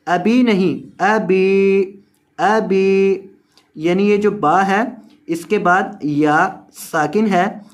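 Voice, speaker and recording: Slow, patient male recitation teacher. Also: high voice. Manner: drills each word slowly, repeating and correcting mispronunciations; melodic slow chanted recitation. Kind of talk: word-by-word tajweed lesson.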